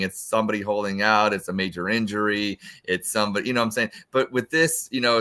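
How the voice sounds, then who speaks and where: A man co-hosting a casual sports show, hesitant and restarting, in what he calls a monotone voice. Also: lowish voice. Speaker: sports podcast co-host.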